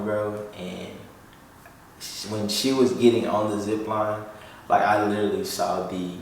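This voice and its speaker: A man's voice: on the low side, darkish tone, slight background noise. A man, joking around in a laid-back way while answering follower questions beside his partner. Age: 20s. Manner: joking, laid-back, says bro and y'all. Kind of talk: casual chat. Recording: echoey room, mic at a distance.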